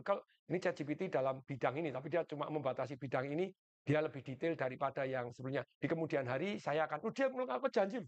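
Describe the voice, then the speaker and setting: An older man giving a lively webinar talk, laughing often, acting out little dialogues and dropping English words into his speech. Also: fairly high pitch, highs cut off. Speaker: motivational speaker.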